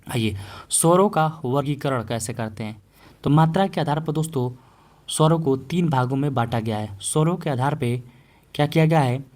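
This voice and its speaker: A male teacher giving an exam-prep Hindi grammar lesson, repeating example words slowly and asking the class questions he then answers himself. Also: medium pitch, a little mellow.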